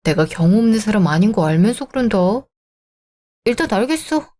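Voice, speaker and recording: In a radio drama, a woman plays a cheeky younger brother who teases and mocks his sister with sarcasm. Her medium-pitched voice is warm, expressive, and a little fast, close to an everyday speaking voice, with a teasing mood throughout.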